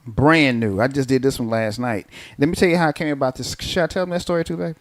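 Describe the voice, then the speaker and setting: A man's voice: mid-range voice, fast talker, dry recording. A man with a Southern US accent chatting casually as a podcast co-host, in blunt, slangy country-boy talk. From southern United States. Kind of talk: casual chat.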